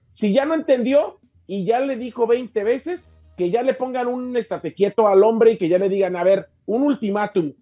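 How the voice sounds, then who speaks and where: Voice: mid-range voice, warm tone. A radio co-host with a Mexican Spanish accent, making an emphatic, argumentative point in a casual chat.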